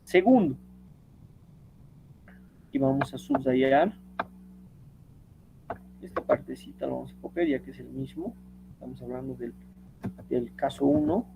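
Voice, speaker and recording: A man's voice: medium pitch, unhurried, creaky, long pauses, muffled recording, a little hiss or hum. A man teaching a lesson, explaining step by step and reading quotes aloud, often checking with "¿no?". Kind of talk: screen-share tutorial lecture.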